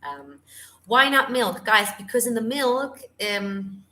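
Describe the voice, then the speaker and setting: A woman's voice: a little high, animated, takes it slowly, bright, forceful tone. A woman vocal coach, tired, chatting through a live Q&A and hunting for English words. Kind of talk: live stream Q&A. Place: home.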